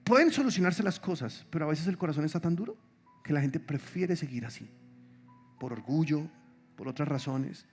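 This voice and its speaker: A man preaching a sermon as pastor, conversational and animated, asking the congregation many rhetorical questions. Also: fairly high pitch, moderate pace, slightly rough, faint music behind. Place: church.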